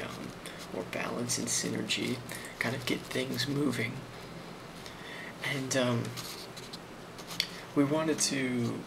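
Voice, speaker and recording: Playing a boss conducting a performance review for ASMR, a medium-pitched man speaks gently, frequently sliding into a whisper. His delivery is improvised and hesitant, packed with ums, over noticeable background noise.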